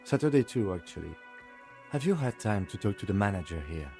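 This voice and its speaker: A composed, formal police lieutenant in a video game, with a low voice and calm, measured speech. Each line is delivered politely and without hurry, with soft game music faintly behind. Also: male voice, breathy edge, full character voice. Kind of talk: scripted game dialogue.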